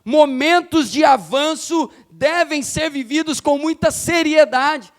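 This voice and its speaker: A man preaching an impassioned evening church sermon, rising to shouts and slowing down for emphasis. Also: very high-pitched. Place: church sanctuary.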